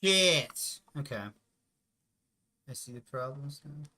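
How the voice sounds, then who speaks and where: A man's voice: a little high, takes it slowly, bright, forceful tone. A man playing a tabletop wargame, thinking aloud and correcting himself as he decides moves. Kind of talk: casual game-table chat.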